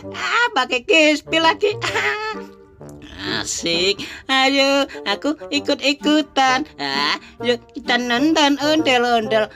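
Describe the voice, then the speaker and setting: A woman who narrates playfully for children as a clown vlogger and is full of excited exclamations. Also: high-pitched, takes it slowly. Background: music.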